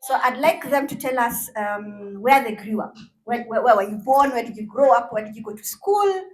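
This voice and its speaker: A woman with a fairly high voice moderates a panel discussion. She guides the guests along with encouraging questions. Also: expressive, moderate pace, poor audio.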